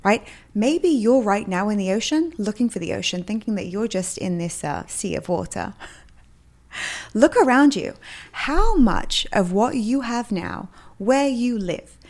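A woman's voice: medium pitch, animated, unhurried, a little mellow. A woman hosting her own solo self-help podcast, upbeat in manner and laughing often as she talks. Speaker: podcast host.

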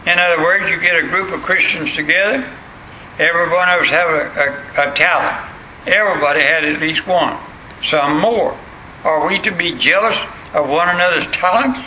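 An older man with a rural Southern US accent and an old country voice preaches a sermon in a plain-spoken, folksy manner, repeating phrases for emphasis. His voice is a little high, with a sharp tone and moderate pace. The audio is dull, recorded in an echoey room with faint background noise.

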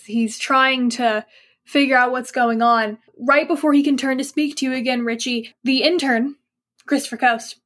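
Acting as game master, a woman narrates a tabletop game in a high, slightly bright voice. She is chatty, searches for words and laughs easily.

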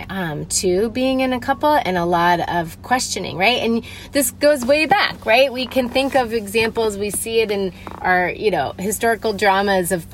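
A woman hosting a casual solo podcast, thinking aloud with frequent check-ins, speaking from a little way off a phone in a car. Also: medium pitch. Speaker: podcast host. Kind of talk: casual solo reflective talk. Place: inside a car. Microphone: phone, not held, at a distance. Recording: far from mic, noisy car phone recording. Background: vehicle noise.

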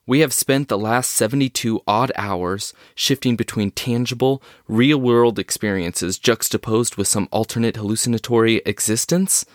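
A man's voice: mid-range voice, normal speed, few pauses, dry recording, clean studio sound, close to an everyday voice. A man playing an agitated, skeptical scientist in an audio drama, speaking in formal, theatrical and emphatic phrases. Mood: agitated, disbelieving. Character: agitated male scientist, skeptical, rattled and wordy.

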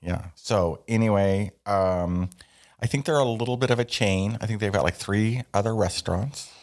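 A man's voice: lowish voice, moderate pace. A man hosting a casual podcast, chatting in a joking, self-deprecating, rambling way. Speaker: podcast host. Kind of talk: casual chat.

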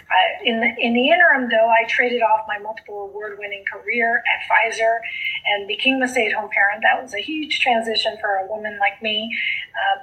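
A woman with a high-leaning, sharp-toned voice is heard on a rough recording. Middle-aged, from South Texas, and raised speaking Spanish, she's an author and coach guesting on a podcast, sharing her story in earnest, heartfelt fashion with slow, emphatic phrases.

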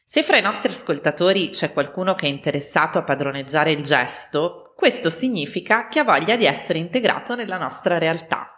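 An Italian woman co-hosting an educational podcast for language learners, speaking in scripted dialogue with clear, didactic phrasing. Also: sits low, expressive, brisk, hardly any pauses, a bit bright. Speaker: podcast co-host.

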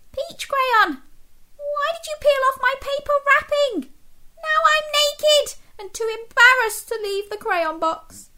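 Woman doing a squeaky, embarrassed peach crayon. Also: bright, forceful tone, exaggerated voice. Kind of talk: children's storybook reading.

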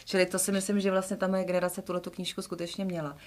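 A woman in her forties co-hosting a casual chat, talking in quick, chatty bursts. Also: lowish voice, little pitch movement, a little mellow. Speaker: co-host.

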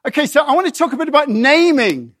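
A man's voice: extremely high pitch, lively intonation, fast. A middle-aged man from England giving a conversational sermon, full of asides and restarts. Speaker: pastor.

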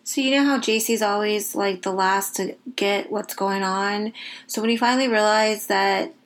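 A woman's voice: medium pitch, steady tone, normal speed, a little hiss or hum. Woman chatting through a story. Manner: chatty, with "like" fillers. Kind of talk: casual anecdote.

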